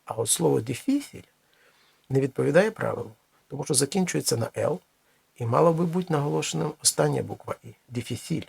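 A man teaching a language lesson, explaining slowly with many pauses and restarts. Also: medium pitch, expressive, vocal fry, a little mellow, husky, no room sound.

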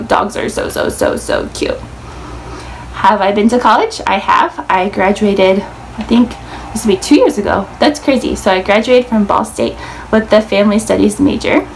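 A twenty-something woman from Indiana chats casually to the camera as a vlogger, saying "like" a lot. Her mid-range voice comes through a rough recording made in a small indoor room against a plain wall, with clearly audible background room noise.

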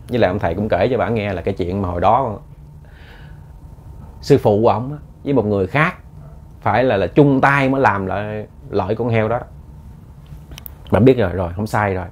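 Folksy ghost-story teller. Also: male voice, on the low side, brisk, pauses often, slight background noise. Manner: folksy, repetitive, addresses listeners directly.

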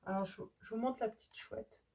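A woman with a slightly high, hoarse voice reads oracle cards in a casual, halting way, full of fillers and restarts. She sits a little back from the microphone, so her voice sounds somewhat distant. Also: steady tone, a little mellow, a little hiss or hum. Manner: hesitant, many fillers and restarts. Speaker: tarot reader. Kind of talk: casual card-reading video.

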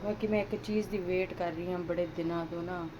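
A woman with a Punjabi accent chats casually with her viewers as a home vlogger, doing housework and partly cooking in her kitchen while often throwing questions at them. Her voice is lowish, steady, and quick. The home recording is noisy, full of household ambience.

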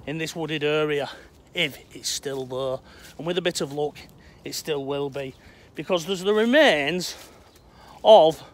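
A man's voice: fairly high pitch, a bit bright. Chatty Lancashire man walking in woods. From England. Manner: chatty, addresses viewers as "Hot Potters". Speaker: vlogger exploring old railway sites. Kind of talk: walking outdoor vlog to camera. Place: outdoors in winter woodland. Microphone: phone camera held at arm's length.

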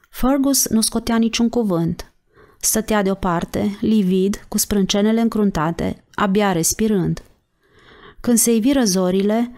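A woman narrating an audiobook chapter in a slow, measured reading voice. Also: medium pitch, a little mellow. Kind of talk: scripted narration.

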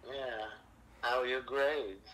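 A man's voice: mid-range voice, fairly even intonation, fairly bright tone. Chatty man in his seventies on a phone call. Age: 70s. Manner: chatty, drawn-out and meandering. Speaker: caller on the phone. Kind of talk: casual phone chat.

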